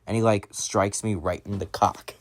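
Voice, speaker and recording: A man's voice: fairly low pitch, steady tone, normal speed. A man telling crude comic stories in a rambling, exaggerated rant. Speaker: comedian.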